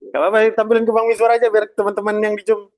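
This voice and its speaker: A man with a fairly high voice teaches a live presentation-skills workshop. He talks in a lively, emphatic way and keeps asking the audience whether things are clear. He is speaking in a meeting room to a live audience. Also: fast talker. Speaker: presentation trainer.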